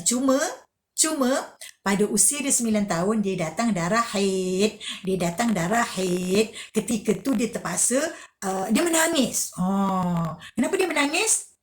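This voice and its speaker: A woman gives a religious lesson to children. She asks questions, answers them herself and repeats key phrases. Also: high voice. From Malaysia. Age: 50s. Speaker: religious teacher.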